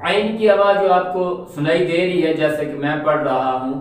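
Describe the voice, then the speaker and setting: A man's voice: a little high, normal speed, far from the mic. A man teaching Quran recitation, patiently explaining and drawing out letter sounds to demonstrate them. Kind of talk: explanatory lesson. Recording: echoey room, voice off-mic.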